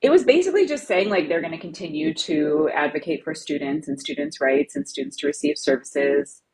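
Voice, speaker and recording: Woman, low voice, husky, chatty, frequent laughs, casual live chat. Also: lively intonation, fairly quick, a little mellow, rough recording. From lives in Ohio. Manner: chatty, laughs often, says "like" a lot. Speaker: educational advocate co-hosting a live stream. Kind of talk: casual chat answering viewer comments.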